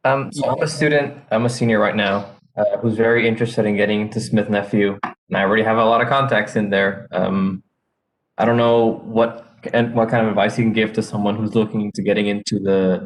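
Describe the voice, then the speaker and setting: Low flat male student, hesitant question from the audience. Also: fairly quick, low-quality recording. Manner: hesitant, restarts phrases.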